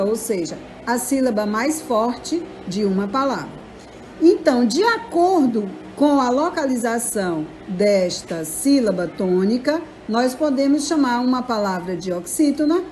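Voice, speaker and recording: High-voiced, slow-speaking Brazilian teacher. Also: female voice, a little mellow, a little hiss or hum. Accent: Brazilian Portuguese. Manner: slow, clear, stresses and spells out syllables. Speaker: primary school teacher. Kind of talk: recorded remote lesson.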